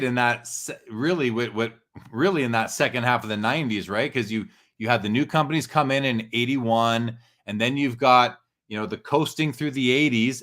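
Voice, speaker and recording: A talkative man with a medium-pitched voice gives casual commentary. He explains at length and states his opinions plainly. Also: fairly bright tone. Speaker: show host and commentator.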